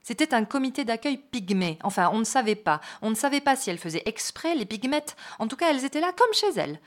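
A woman's voice: on the high side, very animated, quick pace. A woman reading a literary novel aloud expressively, now and then adding brief spoken asides. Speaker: reader.

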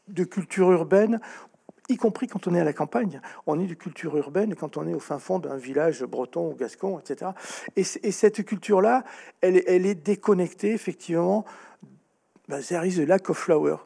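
A man, a guest author, answering at length in a talk, with many restarts and a lively storytelling manner. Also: high-pitched, gravelly. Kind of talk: radio-style interview answer.

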